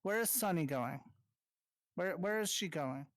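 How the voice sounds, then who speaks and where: Game master type, mid-pitched voice, close and dry sound, quick instructions with lots of restarts. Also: animated, no echo. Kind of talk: casual voice chat running an online roleplay.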